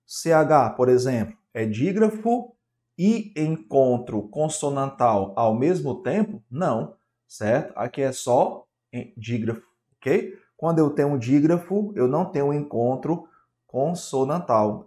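A man's voice: medium pitch, expressive, measured pace, mellow. A man with a Brazilian Portuguese accent giving an exam-prep grammar lesson, asking questions aloud and answering them himself. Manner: asks questions in a student's voice and answers them himself, with frequent tag questions. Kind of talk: classroom grammar lecture.

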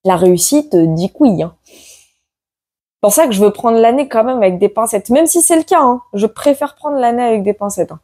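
A woman lays out tarot cards for her followers, talking in a casual, chatty flow dotted with little "hein"s. Her voice sits a bit high and sounds dry and close, with no room around it. She breaks into loud, excited exclamations. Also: normal speed, no room sound. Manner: excitable, exclaims loudly, many "hein" tags. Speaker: tarot card reader. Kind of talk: casual card-reading video.

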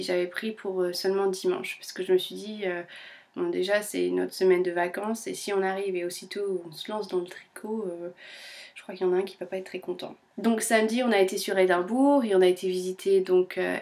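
A young woman chats at an easy pace to her knitting vlog audience, her voice slightly strained. She hesitates often and fills pauses as she tells her story. She keeps a friendly, conversational tone. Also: medium pitch, a little mellow. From France. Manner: chatty, many fillers and hesitations. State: voice a little strained. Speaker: knitting vlogger. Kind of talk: casual chat.

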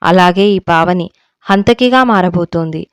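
A woman's voice: on the low side, a little slow, clear, resonant tone, no room sound, lightly acted. A woman voicing a fed-up, defiant young daughter-in-law who speaks heatedly in a storybook reading.

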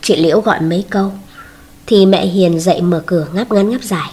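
Husky-voiced woman narrating a story. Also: lowish voice, a little fast, dark tone.

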